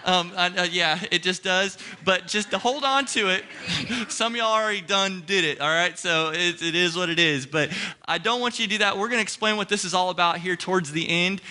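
A young man from Ohio with a Midwestern accent, preaching an energetic, joking sermon to his congregation as a pastor. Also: high voice, brisk. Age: young adult. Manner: animated, joking, talks to the crowd.

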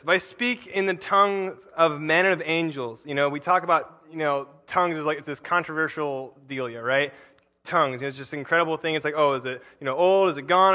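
A man preaching a casual sermon in a church, rambling with fillers and restarts, then bursting into loud emphatic paraphrase. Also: a little high, long reverb tail. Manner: rambling, self-interrupting, with frequent fillers and restarts.

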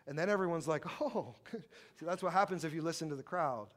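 A man preaching a sermon in a loose, conversational way, full of fillers and chuckles, who builds from quiet stretches to loud, emphatic passages. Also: fairly high pitch, quick pace. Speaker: pastor.

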